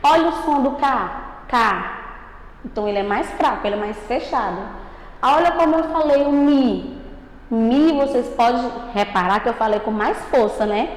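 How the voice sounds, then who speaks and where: Brazilian woman, primary teacher, high voice, drawn-out and emphatic, taped remote lesson with a ringing echo. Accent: Brazilian Portuguese. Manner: slow, emphatic, stretches out syllables; asks questions and answers them for the class. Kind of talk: recorded remote grammar lesson for children. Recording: echoey room with long reverb.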